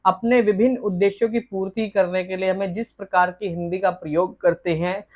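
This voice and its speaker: A woman tutor leads an exam-prep lesson. She reads each question aloud, then gives a formal, textbook-style answer. Her delivery is steady and measured throughout. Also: mid-range voice.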